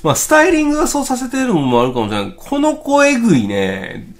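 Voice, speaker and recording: A man with a Kansai accent giving casual, excitable reaction commentary as host, thinking aloud and exclaiming often. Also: very high voice, fast talker, creaky. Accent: Kansai Japanese. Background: faint music video playing.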